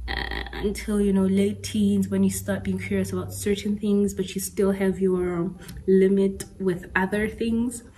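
A woman's voice: medium pitch, flat delivery, measured pace, warm tone, low-quality recording. A young woman in her twenties, chatting candidly and personally as a podcast host, laughing often and dropping in local slang. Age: 20s. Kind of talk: casual personal chat.

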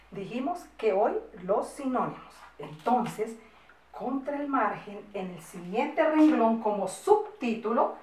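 A woman's voice: fairly high pitch, recorded from a distance, slight background noise. A woman, a primary school teacher giving a recorded class to young children, dictating patiently with coaxing questions and many diminutives. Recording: echoey room, mic set back.

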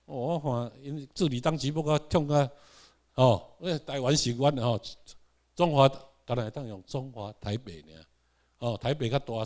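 A man's voice: a little high, a bit bright. Taiwanese man lecturing a class. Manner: rhetorical questions and checks on the audience; has the class repeat words aloud.

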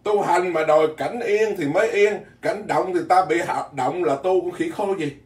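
Folksy monk preaching. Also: male voice, sits high, normal speed. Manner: folksy, blunt, animated, repeats words while searching. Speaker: Buddhist monk teacher. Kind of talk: dharma talk sermon. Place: temple hall in Virginia. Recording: echoey hall, mic at a distance.

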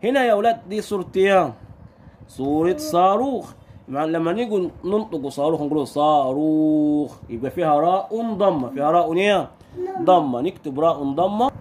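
Lively Egyptian man teaching small children. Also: high voice, slight background noise. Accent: Egyptian Arabic. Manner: sing-song, drawing out sounds slowly, quick questions to the children. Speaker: primary school Arabic teacher. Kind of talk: recorded lesson for young children.

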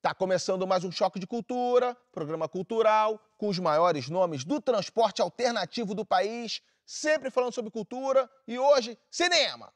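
An actor playing a brash Brazilian van driver who hosts a comedy culture show, talking in a pushy, hurried way. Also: male voice, high-pitched, close to an everyday voice. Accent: Brazilian Portuguese. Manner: pushy, rushing, salesman-like. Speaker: show host, alternative transport driver Rogerinho. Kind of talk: scripted comedy sketch hosting.

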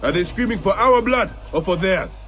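An actor playing a stern, wary warrior in a video game, terse and grave in manner. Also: male voice, high voice, expressive, normal speed, a bit bright, a little hiss or hum. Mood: grave, questioning. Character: stern, wary male warrior, a former Medjay.

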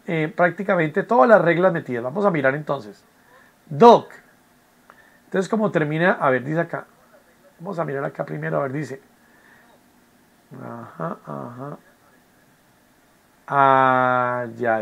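A man, teaching an English lesson from home, patient and repetitive, often checking that students follow. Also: on the high side. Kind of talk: recorded online class explanation.

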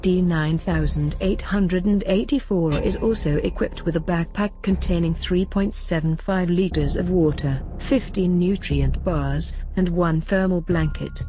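A woman reading a scripted report in a steady, clinical narration. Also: fairly low pitch, measured pace, few pauses, faint music behind.

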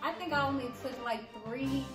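A young woman with a high voice chats nervously to camera in casual banter. She is recorded from a little distance in an echoey room, with music clearly playing underneath. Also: normal speed. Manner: nervous, with giggles. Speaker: vlogger, challenge co-host. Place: home room at a table, indoors.

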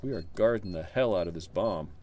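A man chatting casually while playing a shooter game, reacting excitedly and muttering to himself. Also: low-pitched, fairly quick. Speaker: gamer. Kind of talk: casual gaming chat. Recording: game noise behind.

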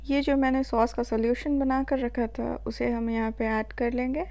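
High, mellow-voiced Indian woman narrating a recipe. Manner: calm step-by-step instructions with filler pauses. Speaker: cooking channel host. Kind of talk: voice-over cooking tutorial.

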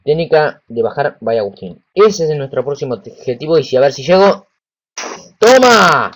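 A man with a Rioplatense Spanish accent giving casual let's-play commentary. He is excitable, talks to himself and to the game, and swears when frustrated. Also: medium pitch, brisk, low-quality recording. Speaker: gameplay commentator.

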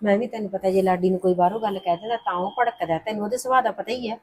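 A woman playing a fast-talking soothing mother. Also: mid-range voice, steady tone, a little mellow, a little hiss or hum, close to an everyday voice. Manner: soothing, pleading, says "puttar" a lot. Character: soothing middle-aged mother smoothing over family quarrels. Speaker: the heroine's mother.

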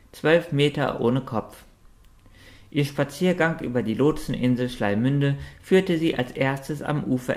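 A man narrating an audiobook in a calm, even storytelling manner. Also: medium pitch. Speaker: audiobook reader. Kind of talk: scripted narration.

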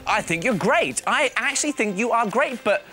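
A man's voice: very high voice, animated, fairly quick, sharp tone, faint music behind. A man in his thirties with a British accent, hosting a live TV quiz with casual, playfully incredulous banter. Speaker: live TV quiz show host. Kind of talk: casual, bantering chat with a caller. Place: TV studio set.

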